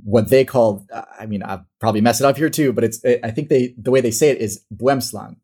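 A man's voice: mid-range voice, brisk, dark tone, husky. A man with a Midwestern American accent, talking casually as a podcast guest, rambling and correcting himself as he explains. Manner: rambling, self-correcting, laughs often. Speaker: guest, animal-ranking YouTuber.

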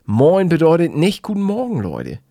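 A man's voice: on the high side, huge pitch swings, moderate pace, vocal fry, mellow, dry recording, studio quality. A man with a light northern German accent, co-hosting a casual podcast chat with playful teasing. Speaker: podcast co-host.

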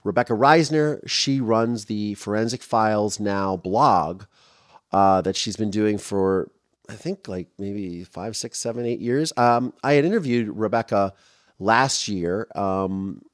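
His fairly low voice unhurried, a thirty-something man hosts a podcast, chatting and rambling with fillers and restarts. Emotion shows openly now and then, softening his voice. The recording is dry and studio quality.

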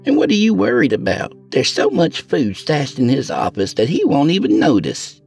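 A man's voice: fairly high pitch, huge pitch swings, moderate pace, gravelly, a little mellow, faint music behind, pitched above the performer's own voice, full character voice. A man doing a griping jailed young woman. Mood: wheedling. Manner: complaining, wheedling. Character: blunt jailed young woman, food-obsessed.

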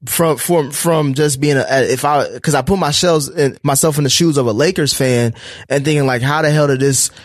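A man's voice: fairly high pitch, normal speed, no room sound, clean studio sound. A man co-hosting a sports podcast, talking animatedly and often restarting his words as he jumps into the debate. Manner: animated, talks over others, repeats words when starting. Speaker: podcast co-host.

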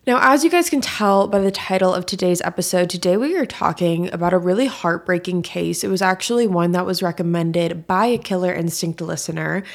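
Lower-pitched woman, true crime podcast narrator. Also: fairly quick, vocal fry, few pauses. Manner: true crime narrator, casual and direct to listeners. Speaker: podcast host.

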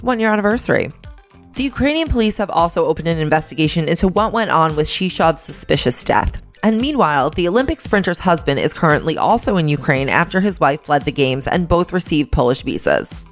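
A woman's voice: sits low, expressive, fairly quick, soft background music. A woman hosting a news podcast, reading scripted briefings and sponsor copy in an informal, wry manner.

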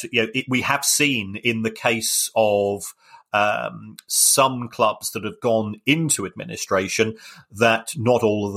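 A man co-hosting a podcast, explaining football finance in a measured way with many fillers and restarts. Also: fairly low pitch, a bit bright. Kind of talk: casual podcast chat.

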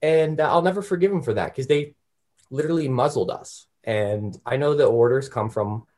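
A man with a medium-pitched voice, chatting casually as a comedian being interviewed. He is blunt and wry, airing his gripes in plain, informal talk. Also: normal speed, a little mellow. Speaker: comedian guest.

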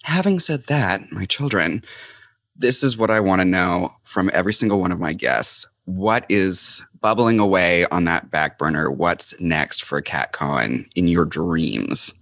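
A man hosting a podcast, chatty and teasing, his voice jumping up on excited words. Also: deep voice, a little slow, no room sound, studio quality. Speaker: podcast host. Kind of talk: casual podcast interview.

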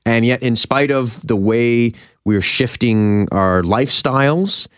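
A man's voice: mid-range voice, slow pace, clear, resonant tone, no room sound. A man co-hosting a radio show, chatty and wisecracking in the studio. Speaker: radio host. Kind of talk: casual radio banter.

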